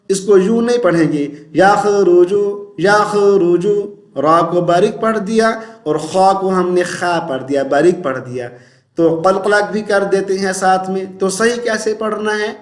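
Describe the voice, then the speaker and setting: A man leads a Quran recitation lesson with a high, carrying voice. He stretches each verse into a slow, melodic chant, then drops into quick, plain explanation of the mistakes to avoid. The room gives his voice a noticeable echo.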